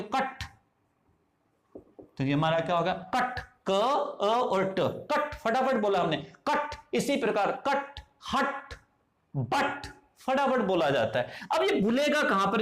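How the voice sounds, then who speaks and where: Man, phonetics teacher, asks questions and answers them, repeats example words slowly, frequent check-ins. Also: sits high, fairly bright tone. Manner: quizzes listeners with questions and answers them himself; checks in often with short asides like "clear?". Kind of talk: classroom-style explanation.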